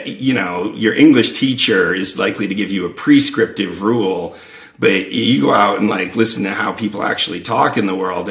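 Man, low and gravelly, talking through ideas at length; roomy echo on the mic. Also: fairly bright tone. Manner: thoughtful, explains at length. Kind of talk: casual conversational explaining. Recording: echoey room.

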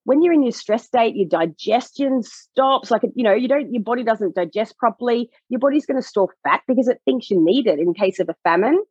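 A woman pelvic health coach explaining her work in a podcast conversation, animated and acting out what clients say. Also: a little high, a little fast, few pauses, husky, dry recording, muffled recording. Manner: animated, acts out clients' voices.

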